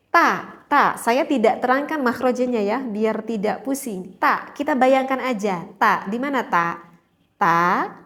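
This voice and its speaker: A woman teaching Quran recitation rules to learners at home, patiently demonstrating each sound by repeating it. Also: sits high. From Indonesia. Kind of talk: tajweed lesson for home learners.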